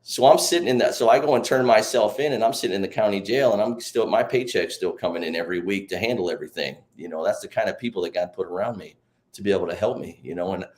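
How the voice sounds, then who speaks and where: A man with a fairly low voice recounts his own life story on a faith talk show. He talks loosely and earnestly, circling back and restarting his sentences. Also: fast talker, darkish tone. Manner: rambling, many restarts and "you know"s. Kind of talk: emotional testimony in a faith interview.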